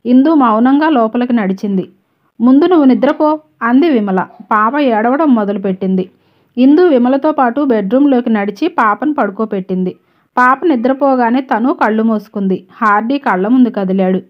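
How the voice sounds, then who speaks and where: Woman reading a novel aloud. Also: fairly high pitch. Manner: steady, measured reading. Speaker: storyteller. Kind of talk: scripted narration of a novel. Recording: dull lo-fi recording.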